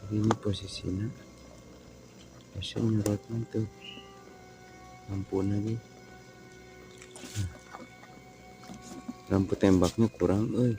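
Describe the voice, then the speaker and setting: A man with a Sundanese accent talking in a hushed, careful way, chatting casually as he vlogs outdoors at night. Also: on the low side, fairly even intonation, takes it slowly, pauses often. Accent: Sundanese-influenced Indonesian. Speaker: night exploration vlogger. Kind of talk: casual outdoor vlog chat. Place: outdoors at night on a muddy path. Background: music.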